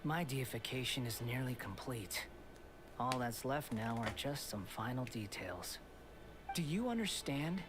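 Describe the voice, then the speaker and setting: An actor playing a mocking young male god in a video game, speaking in a hushed, breathy half-whisper with a condescending tone. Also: medium pitch, expressive, a little slow, background noise, natural voice. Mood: taunting. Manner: taunting, condescending.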